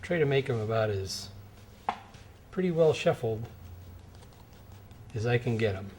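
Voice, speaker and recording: A man's voice: medium pitch, animated, unhurried, darkish tone, slight background noise. A middle-aged man delivering conversational card magician patter with a playful showman's touch, demonstrating to spectators. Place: indoor studio set at a card table.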